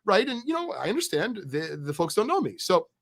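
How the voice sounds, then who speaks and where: A middle-aged man telling a story in an excited, chatty, candid way as a guest. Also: high voice, fairly quick, creaky. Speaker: card collecting business guest. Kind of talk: animated storytelling.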